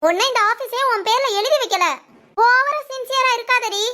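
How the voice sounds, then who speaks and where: A woman acting several parts in a village web drama, lively and scolding, with a high bright voice. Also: normal speed, slight background noise.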